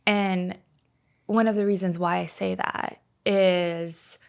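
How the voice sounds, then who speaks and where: Guesting on a podcast, this thirtysomething woman talks in a relaxed, casual way, leaning heavily on "like" and other fillers. She's a native Slovak speaker raised in Canada. Her fairly low voice is slow and gravelly, yet clear with a resonant tone.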